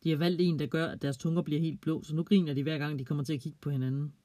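A man reading a children's audio story aloud in a calm, clear way, closing with a short sign-off to listeners. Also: fairly high pitch, dry recording.

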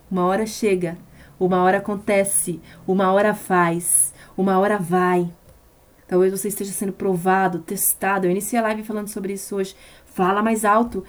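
A woman preaching a sermon on a live stream, impassioned and emphatic, repeating phrases for stress. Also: mid-range voice.

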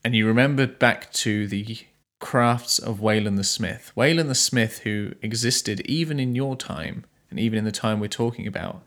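A man narrating an improvised tabletop game as game master, halting as he searches for words. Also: lowish voice, fairly bright tone.

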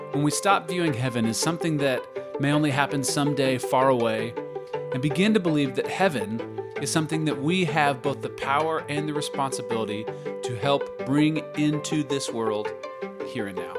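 An upbeat man hosts a casual podcast chat with a friendly, easygoing delivery. His voice sits mid-range with everyday fillers. A clear music bed plays behind him. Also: medium pitch. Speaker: podcast host. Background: background music.

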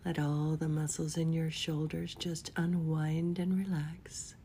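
Female meditation guide, soft spa-style whisper, mellow and flat in pitch, gentle and unhurried. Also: a little hiss or hum. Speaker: guided relaxation leader.

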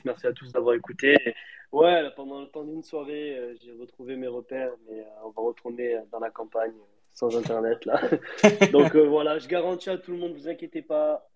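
A man co-hosting a casual show, speaking in a relaxed, hesitant way with many fillers. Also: medium pitch, no room sound. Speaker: co-host. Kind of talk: casual sign-off chat. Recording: dry, slightly muffled audio.

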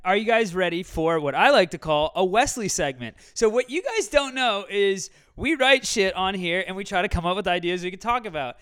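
A man's voice: high-pitched, lively intonation, brisk, few pauses, a bit bright, smooth, dry recording. A man hosting a podcast in casual, sweary banter, teasing and mocking his co-host.

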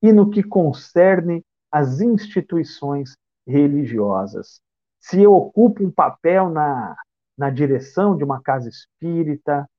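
On a lo-fi recording, a man with a fairly high-pitched voice lectures on spiritism, musing reflectively and asking rhetorical questions. He comes from São Paulo state, Brazil, and has a Brazilian Portuguese accent.

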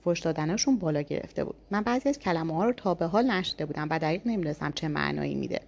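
A woman with a fairly low voice narrating a first-person audiobook. She reads calmly and evenly, keeping a steady tone through the story. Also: creaky, dull audio.

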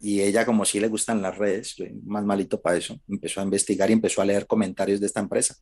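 A man's voice: lowish voice, quick pace, husky. Man, interview guest, casual storyteller who acts out dialogue. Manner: animated, acts out quoted dialogue in shifted voices.

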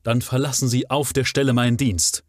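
A man's voice: mid-range voice, level tone, fairly quick, no echo, studio quality, pitched above the performer's own voice, lightly acted. A man reading aloud, voicing a stern male nobleman who angrily commands and interrogates his servant. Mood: angry. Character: stern indignant male nobleman, master of the house.

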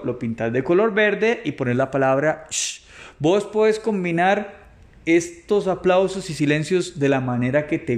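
Slow, patient male music teacher. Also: fairly high pitch. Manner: patient, slow, counts beats aloud and demonstrates claps and shushes. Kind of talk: explanatory lesson audio for students.

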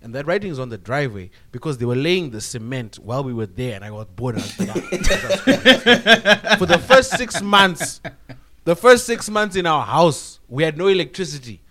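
A man with a slightly high voice tells casual podcast stories. He is from Zimbabwe, and he often laughs at his own expense. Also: sing-song, normal speed, sharp tone. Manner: laughing, self-mocking storyteller. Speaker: podcast co-host.

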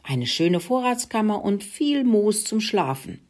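A woman voicing a small male animal who squeaks calmly, in a breathy voice. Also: a little slow. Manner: squeaky, calm.

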